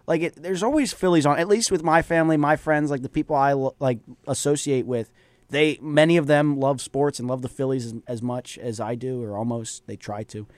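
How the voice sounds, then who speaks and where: A man's voice: mid-range voice, fairly even intonation, brisk, no room sound. A young man co-hosting a college radio sports show, chatty and eager, often saying "like". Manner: chatty, enthusiastic fan, fills with "like". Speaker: co-host. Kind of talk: casual sports talk.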